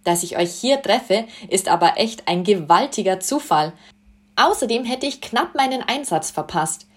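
A woman's voice: mid-range voice, animated, normal speed, pitched above the performer's own voice, lightly acted. Apollo, a brash young sun god, put on by a woman. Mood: cocky. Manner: loud, showy, self-assured. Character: cocky young male sun god, boastful and cheerful.

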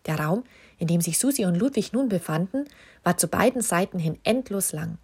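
Husky, low-voiced woman reading a children's story. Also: lively intonation, moderate pace, darkish tone. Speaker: narrator.

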